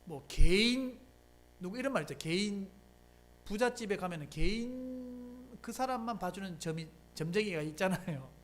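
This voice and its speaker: A pastor gives a Sunday sermon in a church sanctuary with lively, strongly varied intonation and a moderate pace. Again and again he puts rhetorical questions to the congregation and responds to them, sounding conversational and emphatic throughout, with slight background noise.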